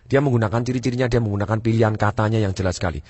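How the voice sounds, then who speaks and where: A man giving a sales training talk, acting out customer and seller voices and shifting his pitch and pace to demonstrate. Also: rapid-fire, mellow, dry recording.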